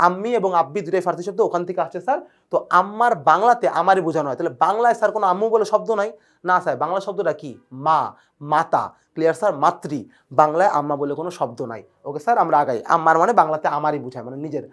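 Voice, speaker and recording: A man's voice: fairly high pitch, a bit bright. A male teacher, giving a recorded exam-prep lecture. He talks eagerly about where words come from and keeps checking whether the students follow. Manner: fast, checks in constantly with "clear, sir?"; enthusiastic about word origins.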